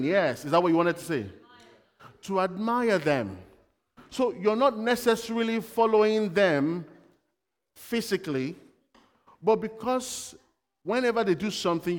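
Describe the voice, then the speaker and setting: A man's voice: sits high, in a large hall. Man preaching with conversational questions. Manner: conversational, asks the congregation questions. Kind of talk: sermon.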